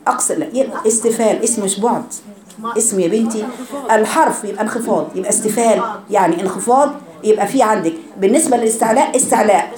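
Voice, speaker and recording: A fast-talking woman with a mid-range voice teaches a class of girls how to recite the Quran, lengthening syllables while drilling pronunciation in an Egyptian Arabic accent. The tajweed lesson has a roomy sound with crowd noise.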